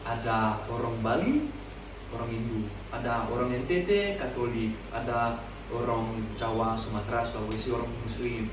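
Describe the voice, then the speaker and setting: Young man, French accent, foreigner speaking halting Indonesian, casual storytelling, very echoey room, distant mic. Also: mid-range voice, background noise. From France.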